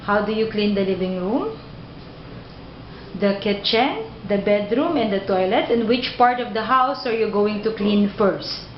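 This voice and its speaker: A woman's voice: medium pitch, expressive, unhurried, slight background noise. A woman conducting a job interview, patiently repeating and rephrasing her questions. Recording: dull roomy recording.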